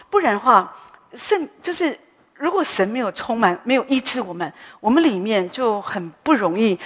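A woman preaching a sermon at a morning prayer meeting, speaking gently and conversationally with soft tag sounds at the ends of her phrases. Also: mid-range voice, husky. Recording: long echo as in a hall.

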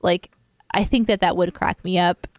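A woman's voice: lowish voice, fairly even intonation, moderate pace, no echo. A woman co-hosting a podcast in casual chat. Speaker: podcast co-host.

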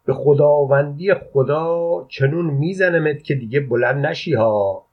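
A sick, hungry old father snaps and swears in a gruff voice, as a man reads him in an audiobook. His voice sits in an ordinary middle range. The recording sounds muffled and lo-fi. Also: mid-range voice, natural voice. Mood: angry. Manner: gruff, snapping, insulting. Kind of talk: audiobook reading. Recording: dull lo-fi recording.

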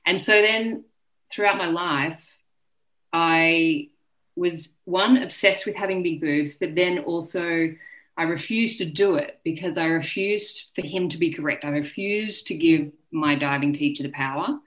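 A woman's voice: sits low, unhurried, fairly bright tone, low-quality recording. A woman in her early forties, a guest author frankly telling a personal story and acting out the voices of people she quotes. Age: early 40s.

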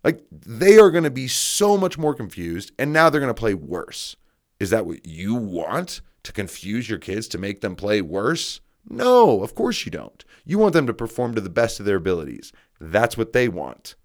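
A man's voice: on the low side, big pitch swings, normal speed. A man coaching youth sports, giving an earnest, emphatic solo podcast rant with words repeated for stress.

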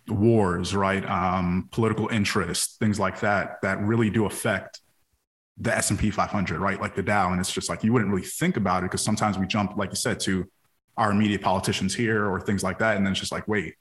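A man hosting a casual podcast, asking long, rambling questions in a chatty way. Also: deep voice. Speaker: podcast host.

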